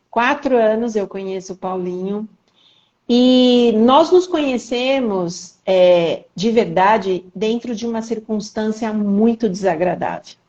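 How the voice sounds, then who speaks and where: A woman's voice: fairly high pitch, a little mellow, lo-fi sound. A woman hosting a live faith podcast, introducing her guest in an earnest, emotional and talkative way. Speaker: podcast host.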